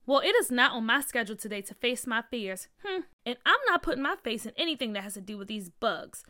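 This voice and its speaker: A high, piercing little schoolgirl voice, swooping wildly as she squeals and pleads. She is dramatic and terrified of bugs, her tone bright and sharp. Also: very animated, fairly quick. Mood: whiny pleading. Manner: shrieking, whimpering, pleading. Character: frightened young schoolgirl, dramatic and bug-hating.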